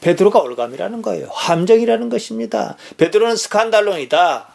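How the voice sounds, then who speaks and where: Korean male pastor preaching, pitch a bit high. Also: animated, a little fast, gravelly. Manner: reads scripture aloud and explains it with pointed rhetorical questions. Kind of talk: sermon.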